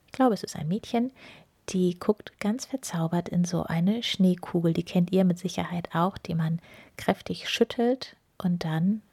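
A woman in a whispered role-play, gently reading a picture book to children. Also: on the low side, slightly rough. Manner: slow, gentle, addresses children.

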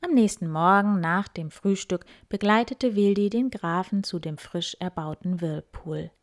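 A woman reading a children's story aloud, lively and expressive. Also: mid-range voice, unhurried.

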